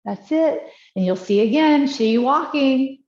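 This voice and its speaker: A woman teaching tai chi, giving calm, encouraging movement cues in short, unhurried phrases. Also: high-pitched. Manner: encouraging, praising as she guides. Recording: dull, echoey room sound.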